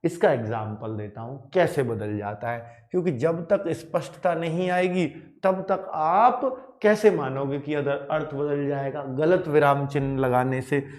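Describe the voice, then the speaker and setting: A man's voice: fairly high pitch, unhurried, darkish tone. A man teaching a Hindi grammar lesson for exam students, calling them children and repeating key points with checking questions. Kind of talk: classroom lecture to exam students.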